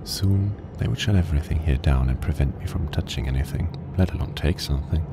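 A man voicing a weary, grim private detective who narrates a horror game in a slow, flat storytelling manner. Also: noisy background. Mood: brooding. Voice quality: very deep, gravelly. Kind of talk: scripted noir narration. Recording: game audio under loud music. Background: game music.

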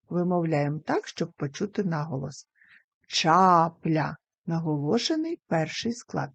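Mellow-voiced woman teaching young children. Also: low-pitched, vocal fry, no room sound. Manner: slow, careful, sounds out words syllable by syllable. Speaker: primary school teacher. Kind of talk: recorded video lesson for young children.

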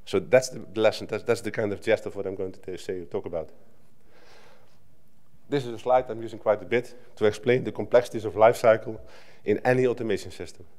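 A man's voice: on the low side, fairly quick, a little mellow. Middle-aged man, from the Netherlands, native Dutch, conference speaker, lectern microphone, conversational with restarts. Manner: conversational, with frequent restarts and filler "right?". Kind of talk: conference talk. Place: conference hall stage at a lectern.

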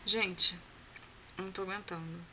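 A Brazilian woman with a bright, clear voice gives casual spoken commentary on a soap opera episode. She talks straight to her viewers and gets indignant and exclamatory about the characters. Her delivery is loose and conversational, full of restarts. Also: fairly low pitch, steady tone, normal speed, a little hiss or hum. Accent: Brazilian Portuguese. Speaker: host reacting to a Turkish soap episode.

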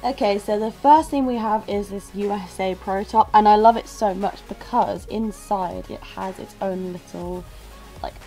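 A drama student in her twenties chats away in a casual vlog, her voice slightly croaky and mid-range, moving at a normal speed with faint music in the background. She's upbeat and laughs often, filming herself at arm's length on the camera mic as she wanders between the bedroom and kitchen of her small student flat.

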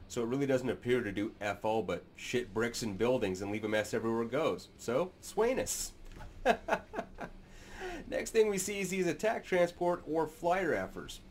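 Very animated yet at a normal speed, this mid-range male voice has a darkish tone and a bit of background noise. The speaker, a sci-fi channel host in his thirties, sits in a small room giving sardonic, crude, mock-serious remarks to his webcam.

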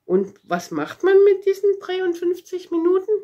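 A woman voicing the little prince, a gentle, curious boy, asking earnest questions in a storybook read-aloud. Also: very high voice, very animated, moderate pace, dull audio, pitched above the performer's own voice.

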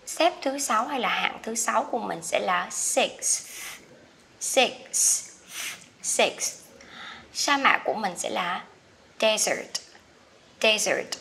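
A woman teaching English pronunciation, saying each word slowly and repeating it to drill it. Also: medium pitch, creaky, sharp tone, a little hiss or hum. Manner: slow, careful drilling of each word twice. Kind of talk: slow vocabulary lesson with repetition.

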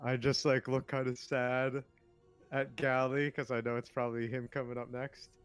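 A man playing in a tabletop game, describing his character's moves in excitable, casual talk. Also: mid-range voice, moderate pace, clear, resonant tone, faint music behind. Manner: excitable, swears, laughs easily. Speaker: player.

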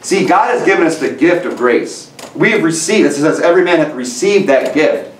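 With a voice on the high side, animated and at normal speed, a man in his thirties gives a sermon from a lectern, moving both hands as he speaks. He's earnest and conversational, often restarting and saying "you know." Recorded from a distance in a medium church sanctuary, the sound is roomy with slight background noise.

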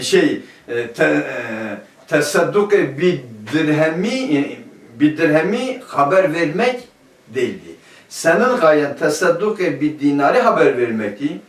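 A man's voice: on the high side, sing-song, unhurried. A man teaching a grammar lesson, asking his class questions and answering them himself. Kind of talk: classroom lecture. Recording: echoey room, mic at a distance.

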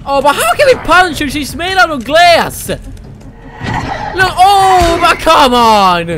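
A very high-pitched man reacting loudly to a video game, cursing and exclaiming as he plays, with slow, drawn-out delivery. Loud game music and effects play behind him. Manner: excitable, exclamatory, frequent swearing. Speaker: let's play gamer. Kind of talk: live gameplay commentary.

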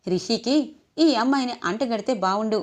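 A woman's voice: a little high, brisk. A woman retelling a TV serial episode as a story, reading out every character's lines in turn. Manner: animated storytelling, acts out each character's lines. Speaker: serial recap narrator. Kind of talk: retelling a TV serial episode, voicing all dialogue.

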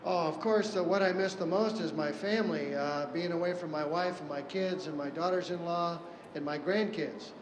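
An older man, an astronaut, answering questions calmly over a space-to-ground radio link, reporting in a matter-of-fact way. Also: on the high side, moderate pace. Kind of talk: live radio exchange with an event stage. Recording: echoey, noisy radio downlink from far off.

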